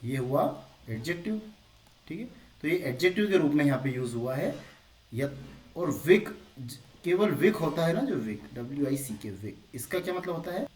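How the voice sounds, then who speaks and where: A man, teaching English grammar at a patient pace, who keeps asking his listeners rhetorical questions and repeating key words. His voice sits a little high for a man. The recording is roomy and echoey, as if he stands some way from the mic. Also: very animated, normal speed, a little mellow, distant mic. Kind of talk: classroom-style grammar lesson.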